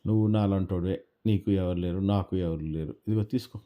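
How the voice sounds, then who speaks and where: A man's voice: deep voice, steady tone, a little fast, dull audio, close to an everyday voice. A man storyteller voicing an odd wandering older man who coaxes a boy in familiar, kindly speech. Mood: coaxing.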